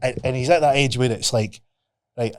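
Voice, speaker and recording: A man, hosting a podcast and telling lively stories in casual chat, swearing freely. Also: medium pitch, moderate pace, no room sound, clean studio sound. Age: 30s. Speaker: podcast host.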